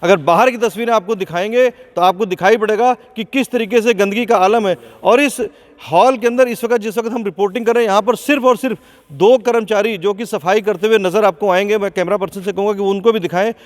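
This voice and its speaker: A man's voice: high voice, brisk. A man reporting live from inside a large indoor sports hall, questioning and accusing as he speaks. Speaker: field reporter. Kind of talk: on-the-spot news report. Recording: long echo of a big hall.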